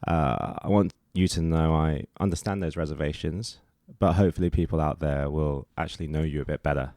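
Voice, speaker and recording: A man hosting a podcast, relaxed and friendly, asking short probing questions. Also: a bass voice, brisk, dry recording, clean studio sound. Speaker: podcast host. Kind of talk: casual interview.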